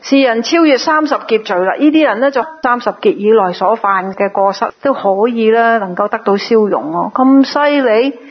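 A woman delivers a Buddhist sermon in a fairly high, slightly husky voice. She explains patiently and sometimes mimics other people in a lively way. The recording sounds a little dull. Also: normal speed, hardly any pauses. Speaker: Buddhist teacher.

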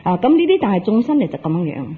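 A Buddhist preacher gives a Dharma talk in a very raspy, husky voice. The delivery is animated, with a pitch that leaps up and down while the teacher acts out dialogue and quizzes the listeners. The sound is thin and tinny, like a lo-fi phone recording. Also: rapid-fire. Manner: animated storytelling, acting out dialogue and tossing questions at the audience.

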